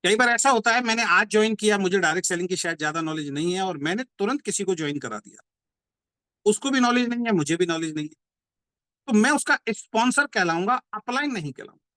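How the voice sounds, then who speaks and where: A man's voice: high-pitched, animated, fast talker, sharp tone, dry recording. Man with a dry sound giving a sales training talk. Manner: explains by repetition and rhetorical questions. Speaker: network marketing trainer. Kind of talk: motivational business training talk.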